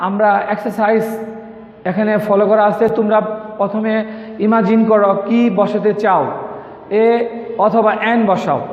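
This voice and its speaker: Casting: high-voiced male teacher from Bangladesh, slow and patient, dull lo-fi sound. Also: darkish tone. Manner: slow, patient, repeats words for students. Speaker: English teacher. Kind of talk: online grammar lesson. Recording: echoey room, dull lo-fi sound.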